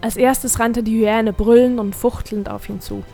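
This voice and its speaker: A woman reading a fantasy story aloud as narrator, in a measured, expressive storytelling manner. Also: a little high, faint music behind. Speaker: audiobook narrator. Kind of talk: scripted narration.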